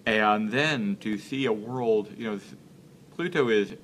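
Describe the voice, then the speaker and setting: A man in his thirties, an interview guest speaking in a casual live-stream chat, earnest and halting as he searches for words. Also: lowish voice, fairly bright tone, a little hiss or hum. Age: 30s.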